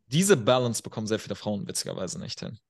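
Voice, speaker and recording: A man's voice: lowish voice, very animated, quick pace, gravelly. A man chatting on a podcast as a guest coach, telling stories in a blunt, self-assured way. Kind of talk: casual podcast chat.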